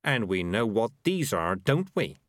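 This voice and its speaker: A man voicing a sly, dry-witted male cat who talks in a low, quiet, sardonic way. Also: big pitch swings, a little slow, no room sound. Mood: scheming.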